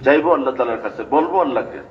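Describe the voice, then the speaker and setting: A man's voice: mid-range voice, animated, racing. An older man from Bangladesh giving a sermon, telling stories and chanting invocations. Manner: storytelling preaching with chanted invocations. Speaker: preacher. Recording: dull lo-fi recording.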